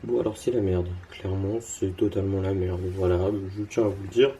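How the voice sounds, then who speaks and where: A man's voice: low voice, fairly even intonation, fairly quick, warm tone, a little hiss or hum. A young man casually commenting on his card game as he plays, thinking aloud with lots of fillers and restarts, tired and yawning.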